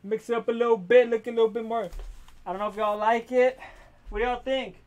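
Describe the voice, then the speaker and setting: A young man giving excited gameplay commentary as a YouTuber, yelling at the game and talking from inside a costume helmet. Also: very high voice, a little fast, highs cut off. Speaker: gaming YouTuber.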